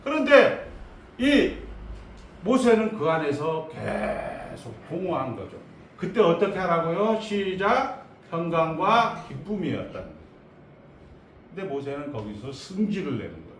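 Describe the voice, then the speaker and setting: A man's voice: on the high side, wildly swooping pitch, a little slow, slight background noise. A male pastor preaching a sermon, asking rhetorical questions and adding comic asides. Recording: echoey church hall, distant mic.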